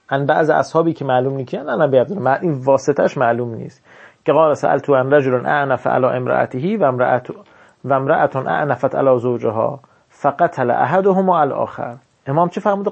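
A man's voice: on the high side, darkish tone, dull audio. Man lecturing on a legal text. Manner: reads Arabic text then explains it in colloquial Persian, asks himself questions. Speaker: teacher of Islamic jurisprudence. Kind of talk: classroom lecture reading and explaining a text.

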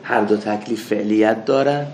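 A man teaching a seminary lesson, mixing anecdotes with doctrine, swinging from loud rebukes to soft asides. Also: on the low side, a little hiss or hum. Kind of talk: religious lecture with anecdotes. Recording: echoey room with faint ambience.

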